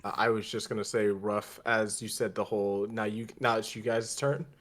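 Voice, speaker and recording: A man's voice: lowish voice, flat delivery, normal speed, fairly bright tone. A man playing a tabletop role-playing game, easygoing, starting his lines with hesitant fillers. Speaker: player. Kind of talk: casual tabletop role-play.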